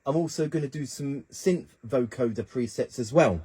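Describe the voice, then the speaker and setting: A man's voice: medium pitch, normal speed, mellow, husky. A man hosting a keyboard tutorial, chatting casually and thinking aloud as he works the controls. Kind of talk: casual instructional demo.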